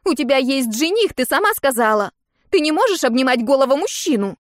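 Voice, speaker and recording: A woman reading a storybook, voicing an earnest young girl who is the narrator's little sister, squeaky and eager. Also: lively intonation, brisk, dry recording, studio quality, natural voice. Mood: shrill.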